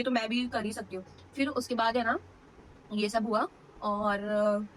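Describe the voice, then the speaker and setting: A woman's voice: mid-range voice, a little hiss or hum, low-quality recording. A young woman vlogger, casually telling a personal story to camera, emotional and full of fillers. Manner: chatty, emotional retelling with many fillers.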